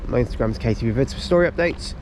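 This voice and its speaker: Vlogging from railway station platforms, a man chats casually in a stuffy, blocked-up voice from a cold, full of ums and restarts. His medium-pitched delivery is expressive and very fast, and the camera mic picks up outdoor noise.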